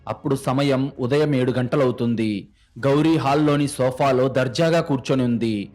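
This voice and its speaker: A man's voice: medium pitch, normal speed, darkish tone. A man reading a scripted crime story aloud in a dramatic, suspenseful storytelling way. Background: faint music.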